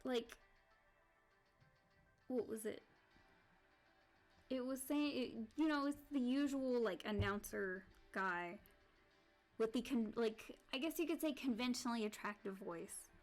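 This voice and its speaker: Woman streaming and rambling while she draws, kinda high voice, soft music going underneath. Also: animated, unhurried, pauses often. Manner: rambling, full of "like" and restarts. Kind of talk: casual stream chat while drawing. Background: faint background music.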